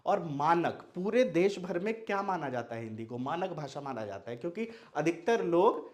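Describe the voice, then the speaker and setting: A young man with a high-leaning, very animated voice teaches Hindi online at a moderate pace. Originally from Madhubani, Bihar, India, with Maithili as his mother tongue, he runs the explanatory lesson by raising questions and resolving them on his own.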